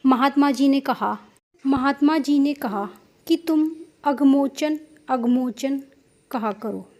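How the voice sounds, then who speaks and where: A woman with a high voice tells a devotional folk story. She keeps a steady, plain storytelling pace and often repeats her phrases. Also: takes it slowly.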